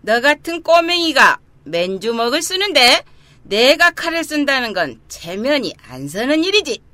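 A storybook demon king acted out by a woman rules as a dark lord, imperious and full of scorn. The voice is high and very animated, with a forceful edge to its mockery. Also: normal speed, no echo, full character voice. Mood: scornful, menacing. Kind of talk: dramatized children's storybook reading.

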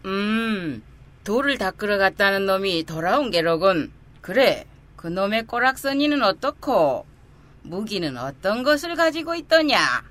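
A woman voicing a haughty, scornful demon king, an imperious and mocking dark lord in a children's storybook. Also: mid-range voice, very animated, a little slow. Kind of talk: dramatized children's storybook reading.

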